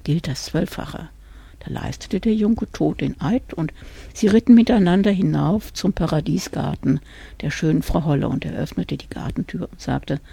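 A woman storyteller telling a folk tale in a measured, dramatic way in a radio studio. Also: fairly low pitch, creaky, mellow, breathy edge, no echo.

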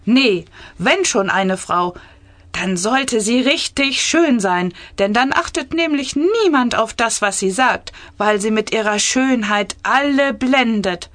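A woman's voice: fairly high pitch, expressive, slow, a bit bright, no room sound. A woman doing a shallow male minister. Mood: smug.

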